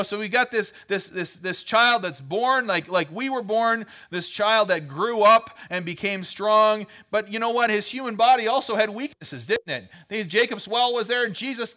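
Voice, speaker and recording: Bright, high-voiced man teaching a sermon. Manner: conversational, checks in with listeners, repeats words while thinking. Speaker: pastor.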